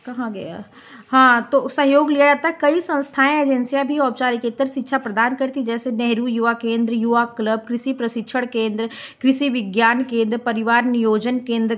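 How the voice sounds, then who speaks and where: A young woman teacher lecturing on education. She reads through points, explains them with English terms and keeps asking rhetorical questions. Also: high voice. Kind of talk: classroom lecture explaining notes.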